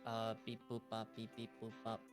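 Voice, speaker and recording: A man doing a playful robot voice in low-pitched beeps and boops, sounding quiet and a little off-mic. Faint music plays behind it. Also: completely flat delivery, moderate pace, close to an everyday voice. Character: beeping toy robot, playful. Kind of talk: casual stream chat.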